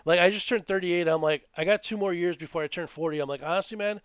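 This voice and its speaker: Talking fast in a high-pitched voice, this podcast co-host in his late thirties rambles through profane, animated rants in a casual chat. Crowd noise can be heard behind him. The recording sounds dull, lo-fi, and dry.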